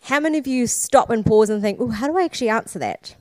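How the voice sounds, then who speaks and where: Speaking fast in a slightly high, somewhat mellow voice, a woman gives a conference keynote built on rhetorical questions and repeated emphasis. Born in Sri Lanka and raised in Scotland and New Zealand, she is a founder and keynote speaker; the recording is dry.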